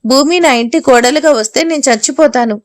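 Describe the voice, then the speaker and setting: A woman's voice: high voice, a little fast, no echo, clean studio sound, natural voice. A woman voicing an angry, domineering middle-aged mother in an audio story, speaking in a harsh, scolding way. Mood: threatening.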